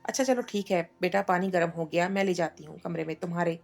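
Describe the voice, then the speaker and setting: A woman's voice: on the low side, quick pace, vocal fry, soft background music. Woman doing a fussing older mother figure. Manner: fussing, affectionate, worried.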